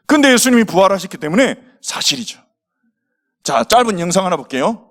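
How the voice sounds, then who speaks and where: A man's voice: high-pitched, big pitch swings, a little fast, fairly bright tone. A male pastor preaching to young people, telling the story with acted quotes and asking the audience questions. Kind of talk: sermon to teenagers.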